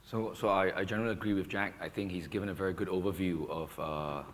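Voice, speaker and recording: A hoarse man with a sore throat, speaking on a conference panel and explaining points in a measured, firm way. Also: low voice, fairly even intonation. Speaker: panelist, company founder. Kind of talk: panel discussion.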